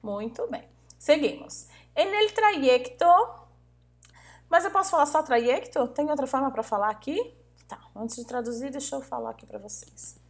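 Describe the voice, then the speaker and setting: Woman, high voice, patient language teacher who repeats and checks in with students. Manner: patient, repeats words slowly, checks in with "tá?" and "vale?". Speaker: Spanish teacher. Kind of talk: online language lesson.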